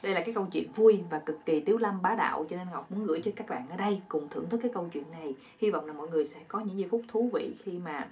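A woman with a Southern Vietnamese accent telling a comic folk tale in a lively, exclaiming way. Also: fairly low pitch, racing, few pauses, a little hiss or hum. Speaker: storyteller.

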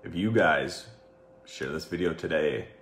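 A man co-hosting a casual home livestream, joking and mumbling softly. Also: rumbling low, measured pace, roomy sound, a little hiss or hum. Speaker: co-host.

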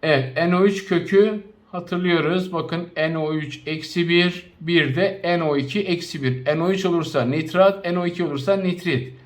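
A man teaches chemistry in a recorded lesson, his voice sitting a little higher than most men's. He stretches each compound name out slowly and keeps circling back to recap the rules. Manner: slow, spelled-out naming of compounds with frequent recaps; addresses students directly.

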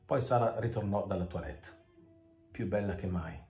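A man reading a story aloud as a narrator, measured and dry, in an echoey room with faint music. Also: low-pitched, warm tone. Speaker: audiobook reader. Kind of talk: scripted narration.

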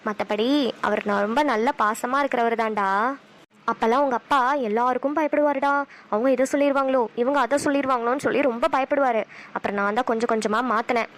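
A woman voicing a sharp-tongued but loving village mother with a Kanyakumari Tamil accent, who talks briskly and snaps back quickly. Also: fairly high pitch, close to an everyday voice. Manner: brisk, chatty, quick retorts.

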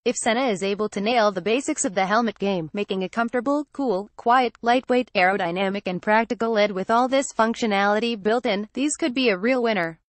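Reading a written product-news article word for word, a woman speaks fairly quickly in a mid-range voice with hardly any pauses. Abbreviations are spelled out, and the recording has no echo.

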